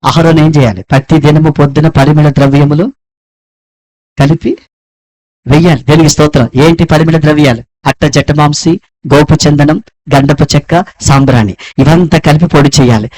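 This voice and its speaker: A man's voice: fairly high pitch, steady tone, normal speed, a little mellow, rough recording. A man from India preaching a sermon, asking rhetorical questions and calling for praise in fervent, rising exhortations. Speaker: pastor.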